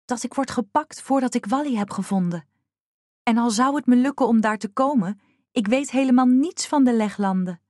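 A woman's voice: on the high side, moderate pace, darkish tone, no echo, studio quality, pitched above the performer's own voice, lightly acted. A woman voicing a determined young girl in an audiobook, earnest and resolute though scared. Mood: troubled.

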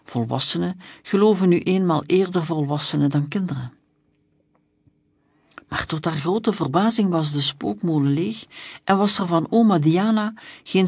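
A storyteller reading a children's book aloud in an even, measured way. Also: mid-range voice, gravelly, husky, no room sound, clean studio sound. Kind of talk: scripted storybook narration.

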